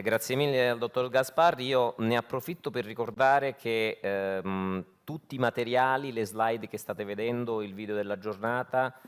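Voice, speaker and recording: A man's voice: on the low side, smooth. A man moderating a conference, thanking and introducing speakers in an informal, spontaneous way.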